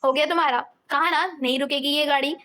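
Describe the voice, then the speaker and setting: A man's voice: extremely high pitch, steady tone, quick pace, bright, forceful tone. A woman voicing a stubborn, protective young man in an audiobook, firm and pleading by turns. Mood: stern.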